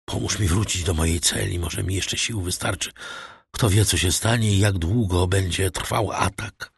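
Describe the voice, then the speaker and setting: A man voicing a gravely ill old priest, a prisoner, in a husky, low, strained and pleading voice for an audiobook. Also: normal speed, no room sound, studio quality, exaggerated voice. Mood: urgent, weakening. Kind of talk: audiobook character voice.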